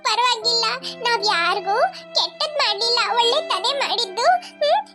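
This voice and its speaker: A woman voicing a small, tender-hearted cartoon youngster who pleads and chants spells to call a jinn. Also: very high voice. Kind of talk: cartoon voice acting. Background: children's music.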